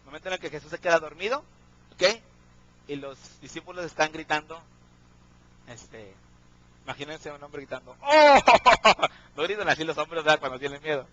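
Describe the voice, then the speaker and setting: A man's voice: a little high, steady tone, brisk, pauses often, bright, forceful tone, dry recording, poor audio. Man, preacher, sermon, questions the crowd, dry sound. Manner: questions the congregation, checks in with "¿sí?".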